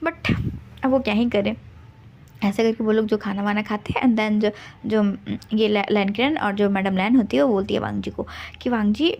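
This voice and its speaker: A woman's voice: medium pitch, steady tone, moderate pace, creaky, darkish tone. A woman casually retelling a fan fiction story in a chatty way, with many restarts.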